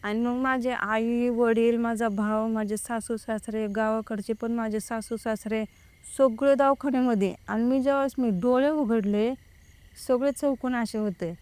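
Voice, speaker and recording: A woman's voice: on the high side, steady tone, a little slow, a little mellow, smooth, no echo. A young woman, recounting her own experience in casual speech and quoting the people involved. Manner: retells with many quoted exchanges. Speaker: guest telling her experience. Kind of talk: casual spoken account.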